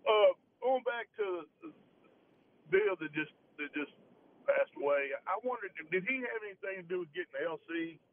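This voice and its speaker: A man's voice: high-pitched, sing-song, moderate pace, a little hiss or hum. A man from Arkansas with a Southern accent, calling into a radio show, folksy and joking over a phone line. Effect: phone call into a radio show. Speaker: caller.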